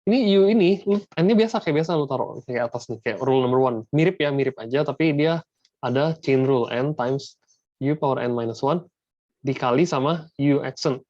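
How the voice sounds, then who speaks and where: A man's voice: medium pitch, moderate pace, a little mellow, dry recording. A man tutoring math in a casual online lesson, slangy and dropping English math terms into his talk. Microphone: video call. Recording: dull lo-fi video call audio.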